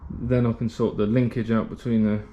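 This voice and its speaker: The recording is muffled: a British-accented man with a fairly low, mellow voice talks fairly quickly with flat delivery. He narrates a casual vlog while building a race car in a hot garage, chatty and rambling with lots of fillers and a bit breathless from the heat.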